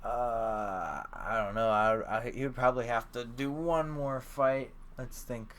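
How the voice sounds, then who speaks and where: A man's voice: mid-range voice, a little slow, fairly bright tone. A young man co-hosting a sports podcast, chatting casually in a rambling way with lots of fillers and the odd swear. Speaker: podcast co-host.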